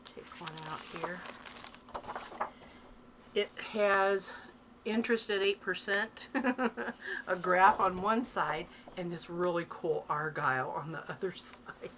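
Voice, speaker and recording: A woman's voice: lowish voice, takes it slowly, background noise. A middle-aged woman vlogging from home, chatting eagerly about her crafting finds and laughing often. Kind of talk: casual show-and-tell vlog.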